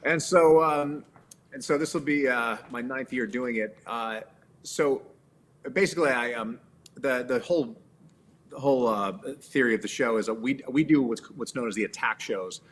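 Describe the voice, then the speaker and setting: A man being interviewed as a guest, telling animated stories with lots of fillers and restarts. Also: mid-range voice, moderate pace, a little hiss or hum. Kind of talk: casual interview chat.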